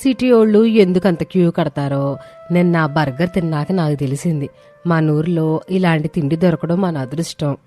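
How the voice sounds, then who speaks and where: A woman voicing a friendly village woman in a cartoon story, in a low, mellow voice. She chats openly, with faint music behind. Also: moderate pace, close to an everyday voice. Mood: enthusiastic.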